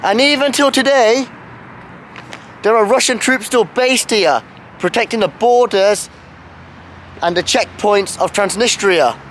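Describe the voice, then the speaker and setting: A man's voice: sits high, fairly bright tone, a little hiss or hum. A man filming a travel vlog outdoors on a city street in winter, shivering from the cold as he explains what he sees. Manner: chatty, informative, self-filming. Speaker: travel vlogger.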